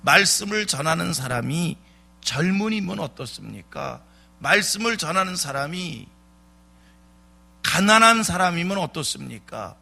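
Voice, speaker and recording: A man's voice: a little high, lively intonation, unhurried, creaky, bright, forceful tone. A male pastor preaching a dawn sermon, driving points home with repeated rhetorical questions. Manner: rhetorical questions, emphatic repetition. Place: church sanctuary.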